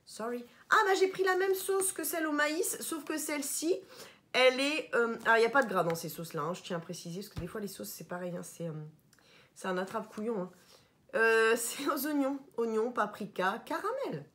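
A woman vlogging casually about her shopping haul, chatty and animated, stumbling over foreign words, and sounding tired. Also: on the high side, a little fast. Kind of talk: casual haul vlog chat.

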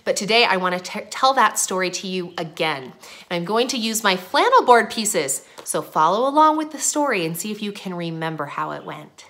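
Young woman doing an online preschool class, gentle sing-song to little kids, bright tone. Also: mid-range voice, lively intonation. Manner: gentle, slow and sing-song, talking to small children. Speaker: preschool teacher.

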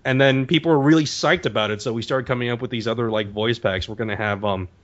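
A man guesting on a podcast as a voice actor, telling stories in a casual, animated way full of "like" and "um". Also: mid-range voice, fast, lo-fi sound. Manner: animated storyteller, peppered with "like" and "um".

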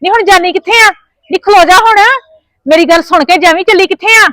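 A woman playing a shrill scolding mother-in-law. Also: a little fast, fairly bright tone, no echo, poor audio. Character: scolding quarrelsome mother-in-law, shut out of the house. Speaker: actor. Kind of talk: village family drama acting.

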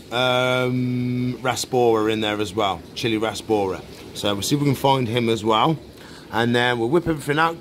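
There's slight background noise as the pet shop vlogger, a man in his thirties, chats casually about what he's doing in the aquarium shop. His voice leans high, and the vlog is unscripted.

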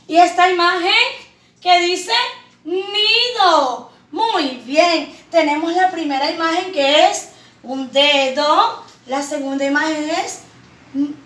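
A woman's voice: sits high, a bit bright, recorded from a distance. A woman teaching young children to read, stretching out each syllable and calling the pupils her loves and princesses. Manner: slow, drawn-out syllables, affectionate address to pupils. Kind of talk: children's reading lesson. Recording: echoey room, voice from off the mic.

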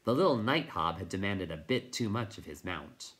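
A man reading a children's novel aloud as a teacher, in expressive storytelling narration. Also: low voice, normal speed.

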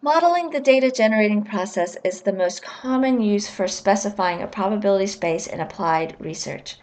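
A woman teaching a recorded class. She explains step by step in a measured, clear way, with now and then a filler word. Her voice sits at an ordinary middle pitch. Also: darkish tone. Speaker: lecturer. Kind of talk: recorded lecture narration.

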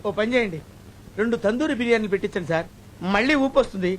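Whiny high-voiced comic servant. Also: male voice, lively intonation, very fast, slight background noise. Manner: pleading and muttering complaints. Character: whiny cowardly man, grumbling and pleading. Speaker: comic servant caring for unconscious people. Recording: film soundtrack with music.

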